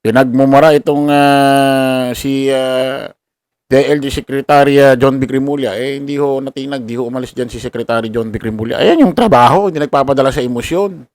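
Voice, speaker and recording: A man's voice: mid-range voice, fairly even intonation, fairly quick, darkish tone, no echo. A man giving casual political commentary to viewers, mocking and laughing, full of rhetorical questions. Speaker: commentary vlogger.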